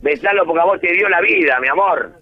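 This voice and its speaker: A man's voice: high-pitched, fast, slightly rough, faint music behind. A man with a Rioplatense Argentine accent, arguing as a radio guest in a teasing, combative way over a dull lo-fi phone line. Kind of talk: heated radio debate.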